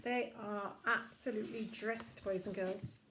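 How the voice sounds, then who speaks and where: A woman's voice: medium pitch, fairly even intonation, a little slow, background noise. A woman hosting a children's storytime like a kids show host, reading and chatting to children in a sing-song, encouraging way.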